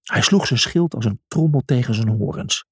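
A man's voice: mid-range voice, expressive, moderate pace, slightly rough, no echo, clean studio sound. A man narrating a children's story audiobook in a dramatic, scripted style.

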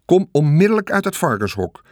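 A man's voice: mid-range voice, fairly even intonation, moderate pace, dry recording, clean studio sound, voice pushed up, natural voice. A man voicing a stern mother in an audiobook, sharply calling out orders. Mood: scolding. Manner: loud, sharp commands.

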